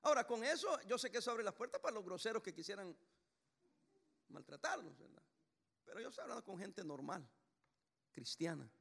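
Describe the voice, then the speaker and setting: Male pastor, middle-aged, animated sermon, high gravelly voice. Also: a little fast, long pauses. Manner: animated, acts out voices in storytelling.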